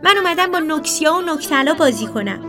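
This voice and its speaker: Lady doing a cheeky defiant kid, high voice, music in the back. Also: lively intonation. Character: cheeky young boy, accusing and stubborn.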